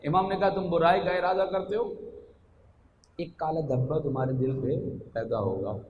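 A man's voice: muffled recording, a little hiss or hum. Man preaching a fervent sermon in an echoing hall. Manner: swings between hushed low passages and loud rising exhortations. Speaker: Shia preacher at a majlis. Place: large hall at a religious gathering. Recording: echoey hall with long reverb.

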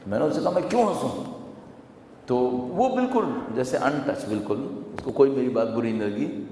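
Mellow-voiced man preaching in an echoing hall. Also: mid-range voice, sing-song, slight background noise. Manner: conversational, repeats phrases for emphasis. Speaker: religious preacher. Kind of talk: sermon with storytelling. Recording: echoey hall with long reverb.

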